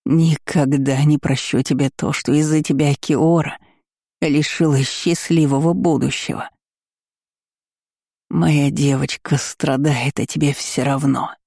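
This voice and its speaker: A woman voicing a furious, scheming middle-aged baroness who talks in a slow, shrill and cutting way. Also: fairly even intonation, dark tone, breathy edge, dry recording, clean studio sound, heavily acted.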